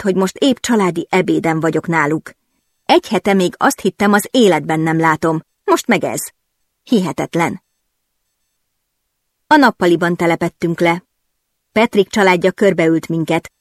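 Woman reading a romance audiobook, lowish voice, dry close mic. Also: no echo. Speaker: audiobook narrator. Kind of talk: first-person novel reading.

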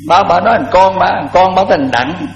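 An older Buddhist monk gives a folksy sermon, often repeating words. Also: male voice, sits high, moderate pace. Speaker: Buddhist monk giving a dharma talk. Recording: echoey hall, dull lo-fi, faint music.

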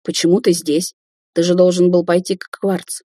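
A woman's voice: fairly low pitch, level tone, normal speed, mellow, dry recording, studio quality, close to an everyday voice. A woman reading an audiobook, voicing an arrogant man who speaks curtly and scornfully. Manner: sneering, curt.

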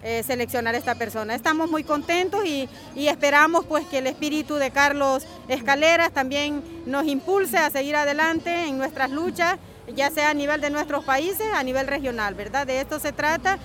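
A woman from El Salvador, an environmental activist, answering a radio interview outdoors in a measured way, with frequent tag questions. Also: high voice, fairly bright tone. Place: outdoors in a town before a march.

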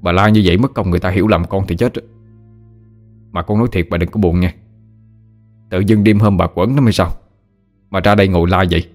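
Brief: sly joking exorcist, low voice, playful; a man plays him. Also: fairly even intonation, fairly quick, long pauses, a little mellow, faint music behind. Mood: teasing. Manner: teasing, playfully mock-innocent.

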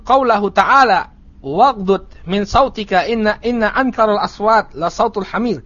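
A man with a notably high voice teaches a religious study class. He chants Arabic text, then explains it plainly, dropping in short "ya" asides. The audio is dull and lo-fi. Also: fairly bright tone. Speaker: Islamic teacher.

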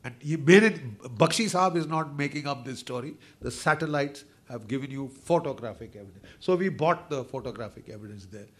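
A man's voice: mid-range voice, animated, quick pace, few pauses, fairly bright tone. An older man with a north Indian accent gives an impassioned, combative lecture, switching between English and Hindi and pressing his points with emphatic rhetorical questions. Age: older, over 60.

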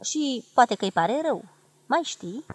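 A woman reading a gentle, wistful poet. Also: on the high side, lively intonation, husky, no room sound, voice pushed up. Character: gentle middle-aged man, a poet friend.

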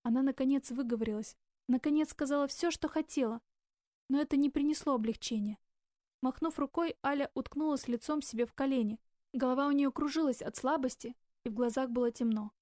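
A woman reading a novel aloud in even, measured scripted narration. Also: high-pitched, dry recording, clean studio sound. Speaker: audiobook narrator.

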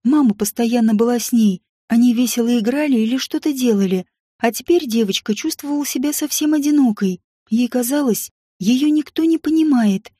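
A woman reads a story aloud in a calm, even narrating manner. Her voice sits high, with a husky, mellow grain. The recording is close-miked and dry. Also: no echo.

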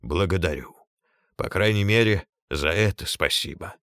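A man's voice: low-pitched, expressive, moderate pace, a bit bright, no room sound, studio quality. A man reading an audiobook and voicing a feverish, self-pitying, tyrannical fat lord who raves between grief and fury. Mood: weary pleading. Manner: raving, swinging from pleading to screaming.

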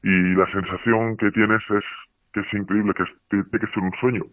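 Man, disguised through a voice changer: very deep, tinny and narrow, dry and close, halting delivery. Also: little pitch movement, no room sound. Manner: hesitant, halting, many fillers. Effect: voice distorted to hide identity. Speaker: guest witness. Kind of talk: telling his own story on radio. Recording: narrow tinny phone-like sound.

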